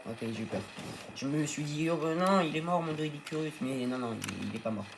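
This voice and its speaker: A man's voice: fairly high pitch, fairly quick, vocal fry, background noise. A man hosting a gaming video, chatting casually as he plays and coaxing his tamed creatures aloud. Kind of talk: casual let's-play commentary.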